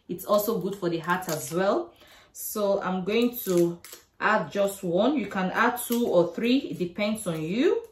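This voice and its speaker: Chatty woman in an echoey kitchen. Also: mid-range voice. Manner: chatty step-by-step explaining. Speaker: cooking vlogger. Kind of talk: casual cooking demonstration. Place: home kitchen. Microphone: camera across the kitchen. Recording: echoey kitchen, faint noise.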